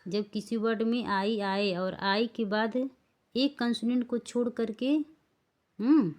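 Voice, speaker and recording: Slow-paced woman teaching phonics. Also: a little high, fairly even intonation, a little mellow. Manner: spells out letters and asks rhetorical checks. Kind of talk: slow spelling-rule lesson.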